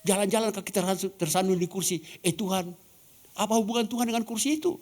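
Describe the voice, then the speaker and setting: Guy from ambon preaching, kinda high voice, keeps asking the church stuff and acting out little scenes. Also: rapid-fire, a little mellow. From Ambon, Indonesia. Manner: questions the congregation, acts out quoted dialogue. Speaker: pastor. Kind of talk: sermon.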